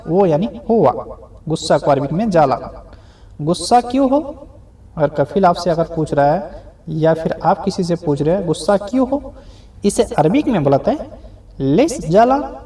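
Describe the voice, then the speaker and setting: Lively-pitched man teaching phrases slowly. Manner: repeats each phrase slowly, then explains word by word; ends explanations with a rising "ठीक है?" check. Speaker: Arabic language teacher. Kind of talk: spoken language lesson.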